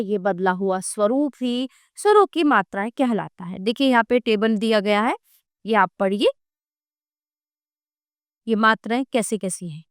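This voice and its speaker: Woman teacher going through grammar, reads rules and lists letters one by one, crisp voice, dry close mic. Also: a little high, fairly bright tone, no echo. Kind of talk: grammar lesson read from an ebook.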